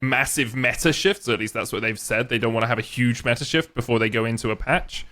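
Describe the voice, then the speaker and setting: A man's voice: medium pitch, fast talker, sharp tone. A man co-hosting an esports podcast, giving rambling, wry analysis with dry jokes. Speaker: podcast co-host. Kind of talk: casual esports chat.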